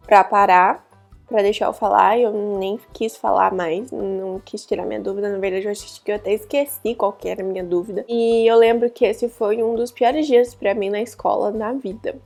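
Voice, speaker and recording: A young woman from Brazil telling a personal story to camera as a vlogger, earnest and emotional, with pauses and restarts. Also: mid-range voice, creaky, a little mellow.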